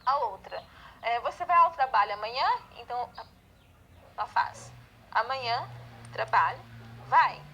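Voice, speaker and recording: A woman's voice: on the high side, lively intonation, measured pace, long pauses, sharp tone, husky, dull audio. A Brazilian woman teaching a class, explaining step by step and checking in with "tá?" and "né?". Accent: Brazilian Portuguese. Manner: explanatory, frequent checking tags like "tá?" and "né?". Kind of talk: online class lecture.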